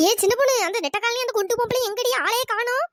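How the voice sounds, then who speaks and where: A performer voicing a furious jealous wife in a cartoon, scolding and name-calling, with a pitch-shifted voice. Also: steady tone, very fast, fairly bright tone, dry recording. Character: furious jealous wife chasing her cheating husband. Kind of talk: cartoon comedy voice acting.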